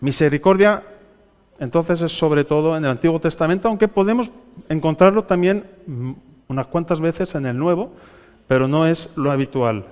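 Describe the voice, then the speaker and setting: Spanish male preacher, somewhat high voice, teaching through questions, long church-hall reverb. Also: normal speed, darkish tone, clean tone. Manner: teaching by asking the congregation questions; reads scripture aloud, raising his voice for quoted pleas. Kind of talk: sermon.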